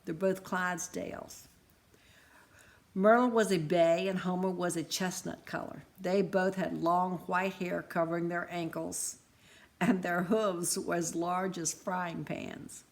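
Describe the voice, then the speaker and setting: A woman reading a storybook aloud in an expressive, lively way. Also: lowish voice, unhurried, creaky.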